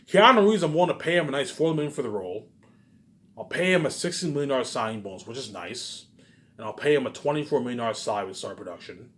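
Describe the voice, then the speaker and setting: This aspiring filmmaker is a young man with a mid-range, somewhat bright voice. His casual monologue wanders, full of bragging, repetition and the odd curse, with the same filler words hung on the end of his phrases.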